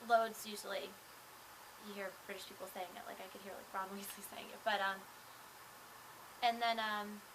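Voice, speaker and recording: A woman's voice: medium pitch, little pitch movement, normal speed, pauses often, noisy background. A young woman chatting casually to camera as a vlogger, rambling with lots of fillers and restarts. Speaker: vlogger and singer.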